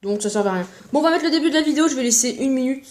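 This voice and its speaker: A young woman with a fairly high voice rants casually on her channel. She mocks other creators, makes jokes and plugs her own videos. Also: lively intonation, racing, darkish tone. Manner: mocking, jokey, self-promoting. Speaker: YouTuber. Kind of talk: casual ranting commentary.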